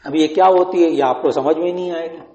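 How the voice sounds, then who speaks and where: A man's voice: on the high side, steady tone, dark tone. An older man, an Islamic scholar, giving a religious Q&A lecture and explaining points while quizzing his listeners. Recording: echoey hall, dull lo-fi sound.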